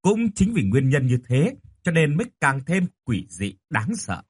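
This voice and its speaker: Husky man narrating a horror audiobook. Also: on the high side, unhurried. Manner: expressive, dramatic reading.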